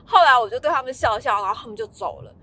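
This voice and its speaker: Lively high-voiced woman telling a story. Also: rapid-fire, dry recording. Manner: animated, laughs often, acts out quoted lines. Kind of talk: casual storytelling.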